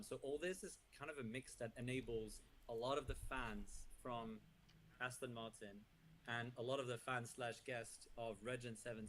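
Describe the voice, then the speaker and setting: A man's voice: mid-range voice, a bit bright, a little hiss or hum, poor audio. A man co-hosting a casual podcast, giving his opinions and often repeating words as he explains. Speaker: podcast co-host. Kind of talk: casual industry news discussion.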